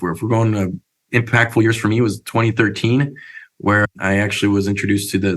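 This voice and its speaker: A man's voice: low voice, fairly bright tone. A man in his late twenties, from Colombia and raised in Nebraska, chatting as an upbeat guest who often restarts his phrases. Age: late 20s. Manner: upbeat and eager, with frequent restarts. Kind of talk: casual interview chat.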